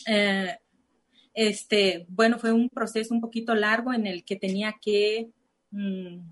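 As a guest in an interview, a woman from Nayarit, Mexico, recounts personal experiences in Spanish, though her first language is Cora (Náayeri). Her voice is mid-range. Fillers and restarts run through her hesitant speech.

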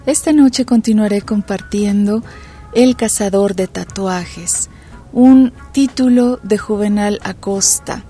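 Woman hosting late-night radio, lowish voice. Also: mellow. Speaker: radio host. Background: music.

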